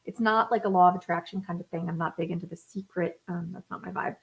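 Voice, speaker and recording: A woman's voice: fairly low pitch, fairly even intonation, fast talker, gravelly, breathy edge. A woman in her thirties chatting casually on a live stream, thinking aloud with fillers and restarts. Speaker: singer-songwriter livestream host. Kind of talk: casual livestream chat. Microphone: webcam or phone on a live stream.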